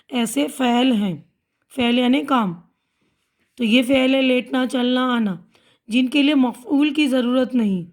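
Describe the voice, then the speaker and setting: A woman teaches a school class in a high, light voice. She goes step by step, repeating terms and glossing each one patiently. Her delivery is calm and instructive. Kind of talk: explaining a school lesson.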